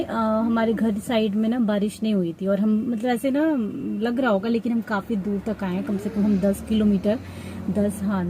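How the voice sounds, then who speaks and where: A woman's voice: mid-range voice, mellow, rough recording. A woman with an Indian accent, chatting casually to viewers in a family vlog while feeling unwell, speaking from a car and later a rooftop. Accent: Indian Hindi. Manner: chatty, rambling, addresses viewers directly. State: unwell, low-energy. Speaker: family vlogger. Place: in a car, then on a rooftop outdoors. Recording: faint background noise.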